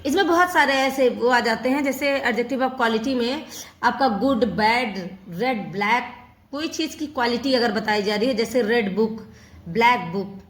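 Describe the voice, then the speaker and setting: High-voiced woman teaching grammar. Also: measured pace. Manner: asks questions and answers them herself, repeating. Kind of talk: Hindi grammar lesson explaining English.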